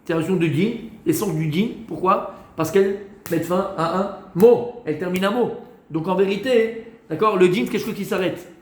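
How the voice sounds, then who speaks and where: Teaching Torah to his students, a rabbi poses questions and supplies his own answers, hesitating with fillers and repeating words. He has a high male voice, keeps a moderate pace, and sounds like he's in an echoey room.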